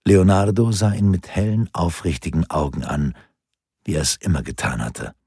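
A man reading a historical novel aloud in a calm, unhurried narration. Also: low voice, husky, no echo, clean studio sound. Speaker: audiobook narrator. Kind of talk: scripted narration.

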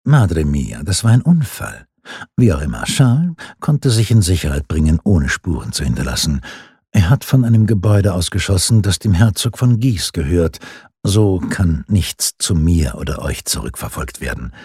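A man's voice: sits low, very animated, normal speed, mellow, breathy edge, dry recording, studio quality, exaggerated voice. Man putting on a ruthless scheming queen mother. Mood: cold scheming. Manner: cold, commanding, hard.

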